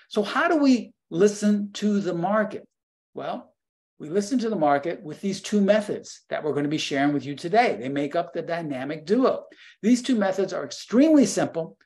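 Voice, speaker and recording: A man's voice: high voice, a little mellow. A man in his sixties giving an online webinar presentation as a trading educator, talking conversationally and repeating phrases for emphasis. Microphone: computer microphone on a video call.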